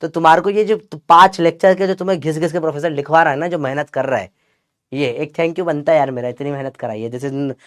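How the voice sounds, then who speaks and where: A man's voice: on the high side, quick pace, fairly bright tone, dry recording, clean studio sound. A young man teaching physics in a chatty, teasing lecture. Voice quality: chatty, teasing, calls students beta. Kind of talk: classroom lecture with Gen Z slang.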